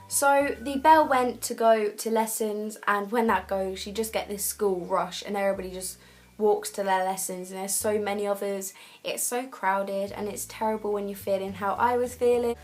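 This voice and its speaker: Teen girl telling a personal story. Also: medium pitch. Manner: candid, rambling retelling with many "like"s and restarts. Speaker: vlogger.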